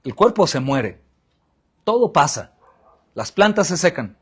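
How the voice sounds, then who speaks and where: High-voiced Mexican pastor preaching. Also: male voice, big pitch swings, unhurried, husky. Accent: Mexican Spanish. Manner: preaching with rhetorical questions and answers; addresses the congregation as brothers. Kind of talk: sermon.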